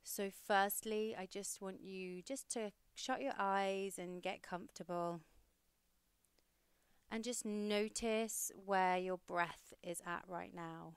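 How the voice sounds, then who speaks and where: A young woman hosting a podcast, leading a guided meditation in a slow, soothing, steady way. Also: mid-range voice, smooth, no echo.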